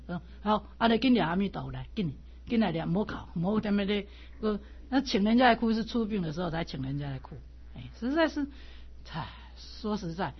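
An older woman from Taiwan, a lay Buddhist teacher, telling animated stories in a casual way and laughing often. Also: mid-range voice, breathy edge. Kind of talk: casual storytelling talk. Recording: dull lo-fi recording.

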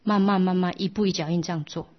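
A woman teaching a Buddhist dharma talk, telling a story in a gentle, storytelling way. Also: lowish voice, fairly even intonation, fast talker. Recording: dull lo-fi sound.

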